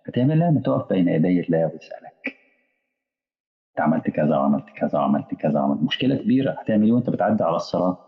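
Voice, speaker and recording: A man's voice: low voice, big pitch swings, very fast, gravelly, big-room sound, phone-quality sound. A man with an Egyptian accent preaching a colloquial sermon, acting out back-and-forth dialogues with imagined listeners. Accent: Egyptian Arabic.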